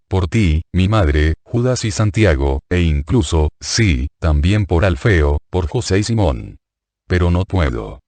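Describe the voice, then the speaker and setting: A man voicing a gentle male teacher who speaks in a soft, measured, consoling way. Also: deep voice, no room sound.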